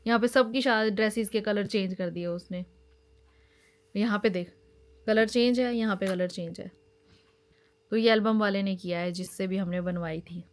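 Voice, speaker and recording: A woman's voice: mid-range voice, fairly even intonation, moderate pace, pauses often. A woman, chatting animatedly as she shows her wedding album in a family vlog. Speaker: family vlogger. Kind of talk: casual chat while showing wedding album.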